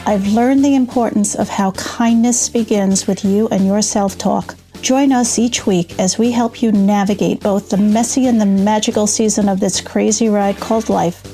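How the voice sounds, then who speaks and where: A woman's voice: medium pitch, fairly even intonation, normal speed, hardly any pauses, warm tone, faint music behind. A woman in her sixties with a New York accent, hosting a podcast in an enthusiastic, chatty way. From New York State. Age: 60s. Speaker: podcast host. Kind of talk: upbeat podcast intro and interview.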